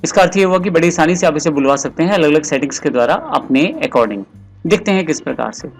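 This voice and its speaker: A man narrates a screen-recorded software tutorial, explaining each step directly to the viewer. His voice sits a little high for a man. Faint music plays behind the desktop-mic voice-over. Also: fast talker, creaky.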